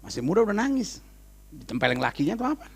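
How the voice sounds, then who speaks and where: A man's voice: high-pitched, sing-song, racing, gravelly, a little hiss or hum. A male pastor preaching a humorous, storytelling sermon to a church congregation, tossing in English phrases and calling out to the crowd.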